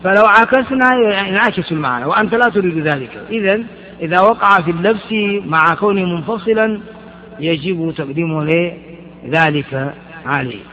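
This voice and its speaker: High-voiced man teaching grammar, dull recording. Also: slight background noise. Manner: quizzes students with short questions. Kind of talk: classroom lesson explaining verses.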